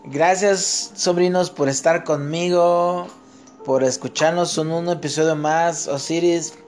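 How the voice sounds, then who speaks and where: A man, hosting a podcast and telling an anecdote in a slangy, animated way. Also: slow, soft background music. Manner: slangy, animated, shifts into high squeals when quoting others. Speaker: podcast host. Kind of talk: casual storytelling chat.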